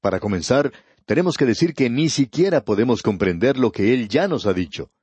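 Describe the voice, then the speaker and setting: A man giving a radio Bible teaching, reading scripture slowly and deliberately and speaking straight to the listener. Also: mid-range voice, lively intonation, darkish tone, breathy edge, no echo, muffled recording. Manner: addresses the listener directly.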